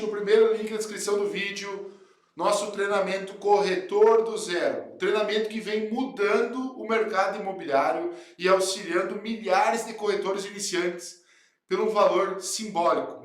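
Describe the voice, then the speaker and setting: This southern Brazilian man has a cold as he explains real estate deals to other brokers on camera, keeping it conversational and checking in with his listeners often. His voice is high and a bit bright. He's recorded in a very echoey room.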